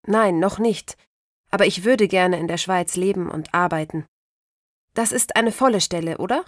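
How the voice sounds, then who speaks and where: A woman playing a polite, interested job applicant in a language-course dialogue, articulating clearly. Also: on the low side, moderate pace, no echo, studio quality, lightly acted.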